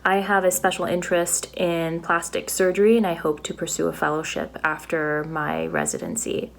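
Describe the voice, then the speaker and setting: A woman's voice: fairly low pitch, lively intonation, moderate pace, vocal fry. A young woman from California, a first-year surgical resident, giving an earnest recorded testimonial. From California, USA. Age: young adult.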